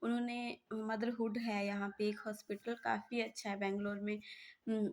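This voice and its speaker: A woman's voice: medium pitch, level tone, moderate pace, a little mellow. A young woman vlogger telling a personal story casually, chatty and rambling with many fillers and restarts.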